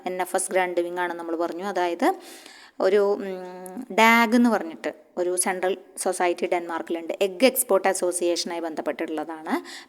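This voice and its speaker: A woman coaching students for a clerk exam, asking questions and answering them herself, often repeating the key answers. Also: on the low side. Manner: repeats key answers, asks and answers own questions, ends with "kettō". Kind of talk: exam-prep lecture. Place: the Malayalam-speaking region of India.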